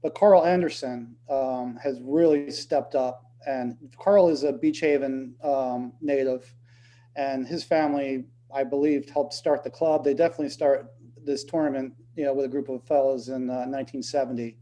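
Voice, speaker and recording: A man's voice: mid-range voice, steady tone, normal speed, mellow, slight background noise. A man who has just turned fifty, answering interview questions in an easygoing, rambling way with many fillers. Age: 50s. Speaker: tournament director.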